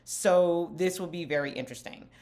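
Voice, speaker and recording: A woman's voice: lowish voice, moderate pace, a little mellow. A middle-aged woman, a skincare company founder, chatting candidly while doing her makeup for a vlog. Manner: candid, chatty, self-deprecating. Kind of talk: get-ready-with-me makeup chat.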